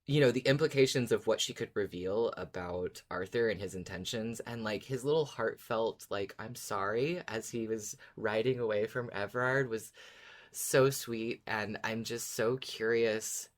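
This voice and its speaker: A podcast co-host joins a casual fan discussion, talking with enthusiasm, agreeing emphatically, and repeating words. The voice is medium-pitched at a normal speed.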